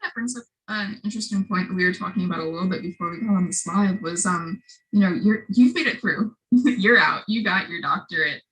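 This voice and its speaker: A woman's voice: mid-range voice, fairly quick, fairly bright tone, low-quality recording. A woman hosting a podcast interview, supportive and appreciative toward her guest. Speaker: podcast host. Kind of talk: interview conversation.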